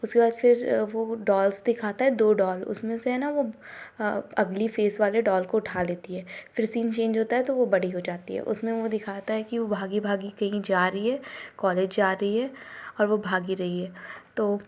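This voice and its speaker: A woman retelling a story in an unscripted, casual way, pausing often with hesitant fillers. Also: medium pitch, steady tone, a little mellow. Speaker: drama recap narrator. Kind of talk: casual spoken plot retelling.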